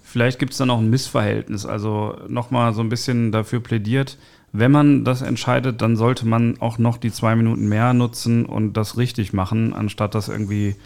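A man's voice: mid-range voice, flat delivery, moderate pace, creaky, darkish tone. A man co-hosting a football podcast, talking casually with hesitant restarts. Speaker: podcast co-host.

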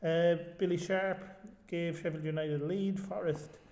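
A man's voice: a little high, steady tone, a little slow, a little mellow. A man hosting a casual football discussion in a conversational, hesitant way, his voice ringing with a big echo. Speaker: podcast host. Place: echoey room. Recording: echoey room, big echo on voice.

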